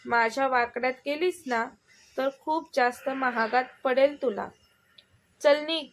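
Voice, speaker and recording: Lady doing firm young wife telling off a rival, high voice, no backing down. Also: fairly even intonation, slow pace. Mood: scolding. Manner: firm, scolding, stands her ground.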